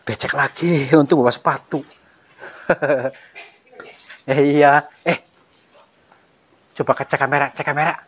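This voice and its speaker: Husky guy creeping through a cave, nervous, whispers prayers under his breath. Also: fairly high pitch, fairly even intonation, a little slow, pauses often. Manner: nervous, hushed, muttering prayers. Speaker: vlogger exploring a cave. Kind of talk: spooky cave exploration vlog.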